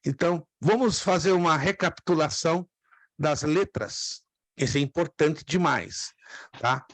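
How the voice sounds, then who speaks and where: A male teacher lecturing a classroom, slowing down to repeat sounds and quizzing his students. His voice sits a touch high for a man and sounds close and dry, with little room echo. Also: expressive. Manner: explains patiently, repeats words slowly, asks the class questions. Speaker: theology teacher.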